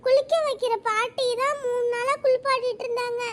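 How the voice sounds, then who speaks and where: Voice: extremely high pitch, level tone, a little fast, a bit bright. A performer voicing a timid young village mother in a cartoon, answering meekly and politely. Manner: meek, polite, hesitant. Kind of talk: cartoon voice acting.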